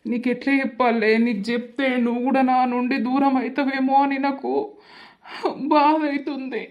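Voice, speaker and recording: Young male cartoon student, sorrowful, a bit high-pitched, woman actor. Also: flat delivery, normal speed, lo-fi sound, natural voice. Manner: sorrowful, complaining. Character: young male college student, grieving family trouble. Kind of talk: village cartoon voice acting.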